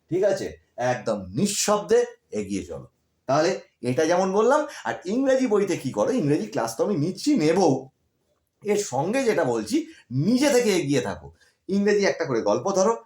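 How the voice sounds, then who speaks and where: A man's voice: fairly high pitch, echoey room. A man who tutors school students online, giving encouraging study advice and checking in with "ঠিক আছে?" as he repeats his points.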